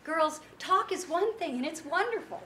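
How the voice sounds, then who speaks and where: High-voiced woman giving an animated talk. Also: normal speed. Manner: animated storytelling with acted-out quotes. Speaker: speaker and founder of a women's business network. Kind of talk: motivational talk to an audience. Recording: roomy echo, faint background noise.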